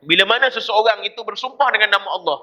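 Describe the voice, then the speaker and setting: A man's voice: sits high, racing. A man with a Malaysian Malay accent giving a dawn mosque lecture as a religious teacher, telling stories with quoted voices. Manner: lively storytelling with quoted voices. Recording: dull lo-fi recording.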